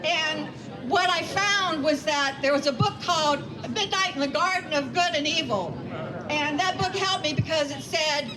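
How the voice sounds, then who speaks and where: High-pitched woman giving a rally speech. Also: normal speed, crowd noise, poor audio. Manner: emphatic, rousing, quotes and repeats phrases for effect. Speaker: rally speaker and community organizer.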